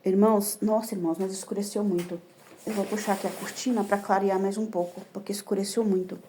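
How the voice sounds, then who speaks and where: Brazilian woman telling her faith testimony at home, warm soft voice, keeps saying brothers, emotional. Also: medium pitch, little pitch movement, fast talker, slight background noise. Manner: emotional, repetitive, addresses listeners as brothers. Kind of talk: religious testimony. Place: indoor home room.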